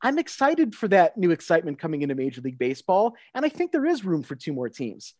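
Man, podcast co-host, upbeat, enthusiastic, fairly high voice, dry close sound. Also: huge pitch swings, quick pace, darkish tone, no room sound. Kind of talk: casual sports chat.

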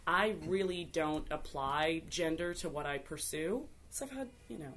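A woman's voice: sits low, moderate pace, slight background noise. A woman in her thirties, a guest on a podcast, talking boldly and flirtatiously in casual chat. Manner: bold, animated and flirtatious. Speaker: guest, TV host.

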